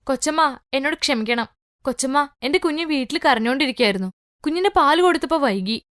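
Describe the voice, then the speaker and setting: A woman's voice: sits high, expressive, quick pace, fairly bright tone, dry recording, clean studio sound. A woman voicing a humble young housemaid in a cartoon story, speaking apologetically. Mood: apologetic. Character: meek young housemaid and mother.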